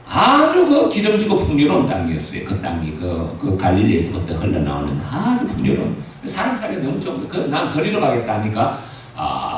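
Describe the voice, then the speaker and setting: A man's voice: fairly low pitch, a little hiss or hum. Older man preaching in an echoey hall. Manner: folksy storytelling, acting out Abraham and God in dialogue. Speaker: pastor. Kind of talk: sermon. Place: church sanctuary. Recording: roomy echoey hall, mic at a distance.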